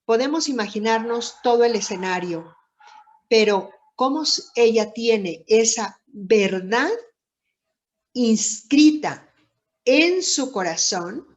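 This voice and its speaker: A woman giving a reflective Bible lesson, speaking deliberately with many pauses and rhetorical questions. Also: a little high, expressive. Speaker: Bible teacher. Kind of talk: slow, reflective Bible teaching. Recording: dull lo-fi recording.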